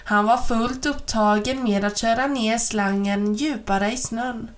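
A woman reading a children's story aloud as an audiobook, in even, clear storytelling narration. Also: fairly high pitch. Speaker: reader.

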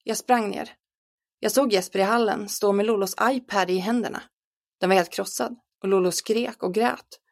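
A woman with a Swedish accent reads a personal story aloud in a measured, earnest way. Her voice carries a gravelly vocal fry, and her pitch sits in a middle range. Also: steady tone. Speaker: narrator.

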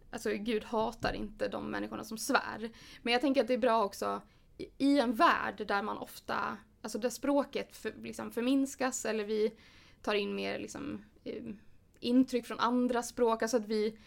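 Young woman priest with a gravelly fry. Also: a little high. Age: young adult. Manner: hesitant, many fillers, laughs often. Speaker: priest, podcast guest. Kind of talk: casual chat.

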